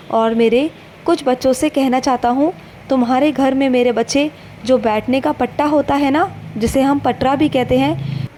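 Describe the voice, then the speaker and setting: A woman voicing a gentle, fatherly male saint who counsels his devotees in a tender, instructive devotional message, calling them "my child" again and again. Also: sits high, a little hiss or hum, natural voice. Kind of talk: devotional first-person message.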